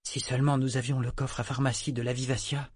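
An earnest young boy explains things gravely and carefully, voiced by a man reading a novel. The voice is lifted somewhat above the reader's own. The reading is dry and close to the mic. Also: mid-range voice, level tone, fast talker, no echo, close to an everyday voice.

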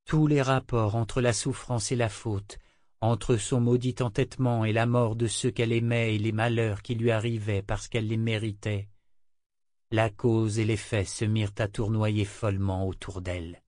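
A man narrating a novel aloud in a measured, even way. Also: fairly low pitch, dry recording, clean studio sound. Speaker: audiobook narrator.

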